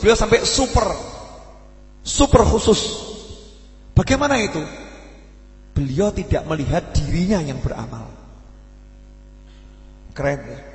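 Javanese male preacher, lively and questioning, recorded in a reverberant hall. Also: high voice. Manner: animated, acts out quotes, asks the audience questions. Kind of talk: sermon. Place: mosque hall. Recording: echoey hall.

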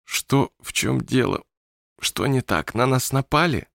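A man voicing a sleepy, sharp-tongued young woman woken in the night, sounding grumpy. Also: a bass voice, a little slow, vocal fry, dry recording, clean studio sound, voice pushed up, exaggerated voice. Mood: alarmed.

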